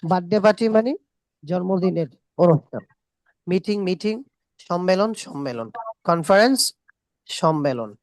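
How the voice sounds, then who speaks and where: A woman teaching a spoken English class, repeating short English phrases slowly and quizzing her students. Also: fairly low pitch, expressive, darkish tone, no echo, clean studio sound. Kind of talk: classroom lesson.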